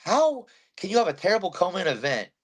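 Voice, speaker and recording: Brash, cussing fighter telling fight stories. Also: male voice, high-pitched, a little fast. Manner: brash, swearing, animated storytelling. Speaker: bare-knuckle fighter. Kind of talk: post-fight interview.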